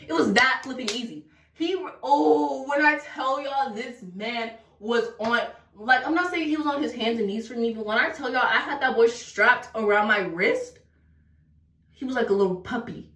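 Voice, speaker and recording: A woman's voice: fairly high pitch, pushed and bright, distant mic. Chatty young woman, roomy echo. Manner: chatty, dramatic, slangy, breaks into sing-song bits. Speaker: vlogger. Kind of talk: casual storytime while getting ready. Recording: roomy echo, voice a bit off-mic.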